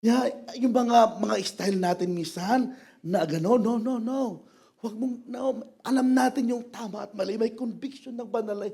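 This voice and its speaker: A man with a Filipino accent preaching a sermon in church as pastor, switching between Tagalog and English and rising to loud emphasis. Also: very high-pitched, normal speed, creaky. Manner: mixes English phrases into Tagalog, animated, rises to loud emphasis.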